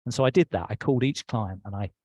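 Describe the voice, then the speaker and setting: A middle-aged man with an English accent tells his life story as an interview guest, speaking fast in a fairly low, warm, husky voice. He recounts reflectively, using quoted dialogue, and the recording has no echo.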